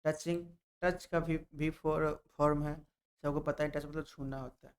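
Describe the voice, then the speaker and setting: A man's voice: on the high side, steady tone, normal speed, a little hiss or hum. A man teaches English word meanings, repeating each word and spelling it out letter by letter. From Bihar, India. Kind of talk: vocabulary lesson.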